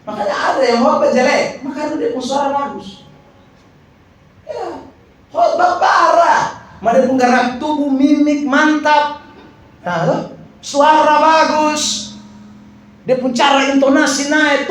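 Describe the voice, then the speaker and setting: A man, a pastor teaching how to preach, animated and joking as he acts out examples. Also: extremely high pitch. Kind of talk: lively teaching talk to an audience. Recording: echoey room, faint background ambience.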